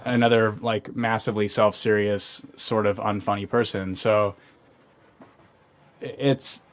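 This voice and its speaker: A man's voice: fairly low pitch, fairly even intonation, a little slow. A young man co-hosting a casual podcast, ranting sardonically with many restarts and fillers. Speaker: podcast co-host.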